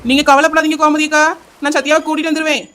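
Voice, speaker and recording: A woman voicing a brave, kind young aunt in a cartoon, speaking briskly and reassuringly. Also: high-pitched, little pitch movement, noisy background, lightly acted. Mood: determined. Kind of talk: cartoon voice acting.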